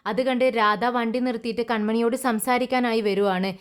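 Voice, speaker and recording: Lady doing a serial recap voiceover, chatty, slightly high voice. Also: fairly even intonation, normal speed. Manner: conversational, with frequent restarts and fillers. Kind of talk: voice-over retelling a TV serial.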